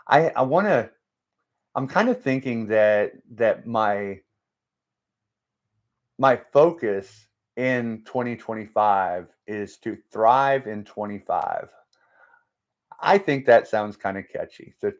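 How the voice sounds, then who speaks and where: A man hosts a faith-based motivational live stream, speaking in a fairly low voice. He talks very slowly and haltingly, stopping to restart and repeat himself, and now and then reads out and answers viewer comments. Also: muffled recording. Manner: slow and halting, frequent restarts and repeated words.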